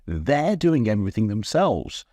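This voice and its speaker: A man's voice: on the low side, big pitch swings, a little slow, warm tone, no room sound, studio quality. A man co-presenting a magic lesson, reacting with enthusiasm and talking things through casually. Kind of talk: casual chat. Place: London studio.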